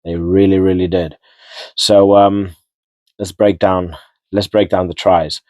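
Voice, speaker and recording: A man's voice: low voice, little pitch movement, slow, darkish tone, no echo. A man giving a casual, rambling rugby match recap, repeating and restarting words as he goes. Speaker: rugby vlogger.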